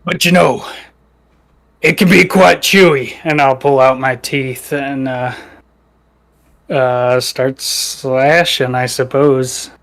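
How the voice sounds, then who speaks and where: Man, player, slow-paced, joking banter, casual tabletop game. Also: mid-range voice, steady tone, a bit bright.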